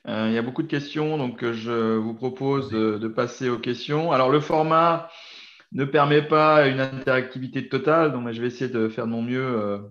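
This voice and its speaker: Male CEO, investor Q&A, frank and halting, echoey muffled room sound. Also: medium pitch, steady tone, a bit bright. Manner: hesitant, many fillers, frank and direct. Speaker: company chief executive answering investor questions. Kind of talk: results presentation Q&A. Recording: roomy, dull lo-fi sound.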